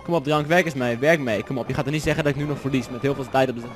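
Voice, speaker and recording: A man's voice: medium pitch, rapid-fire, soft background music. A man from the Netherlands with a Dutch accent, doing jokey let's-play commentary, chatty and swearing often. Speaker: gaming commentator.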